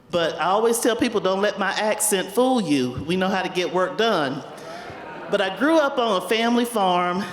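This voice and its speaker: On stage in a large event hall, a woman from Spartanburg, South Carolina, speaks as a panelist and community foundation leader, her accent clearly Southern. Her medium-pitched voice carries folksy, humorous stories about her community work through this panel talk. The hall is echoey, with long reverb.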